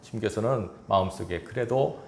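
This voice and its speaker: A man's voice: lowish voice, normal speed, gravelly, echoey room, slight background noise. A man preaching a sermon as pastor of a church, earnest and exhorting, with chuckles and quoted asides. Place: church sanctuary.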